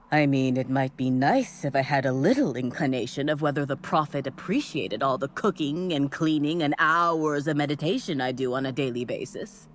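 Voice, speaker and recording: A woman voicing a devoted female cult assistant in a game, giving a chipper pitch that sags into tired resignation. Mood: defensive. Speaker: voiced game character.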